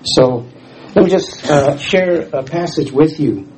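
His voice is a little high, a little slow and a little mellow, with a scratchy edge: a middle-aged Houston man guest-preaching in a church hall. The former missionary keeps it informal and self-deprecating, often restarting what he says.

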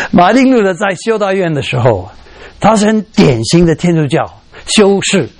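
A middle-aged man gives a sermon and slips English fillers into his speech. His voice sits a little above the usual for a man and climbs high when he acts out a story's emotions. His delivery is animated and storytelling. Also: a little slow. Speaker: preacher.

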